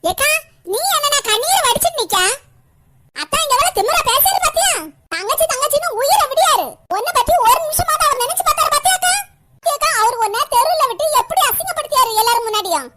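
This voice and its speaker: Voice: very high-pitched, expressive, fast talker, background noise. A voice actor playing a scheming younger sister in a cartoon, wheedling and coaxing, with a Kanyakumari Tamil accent.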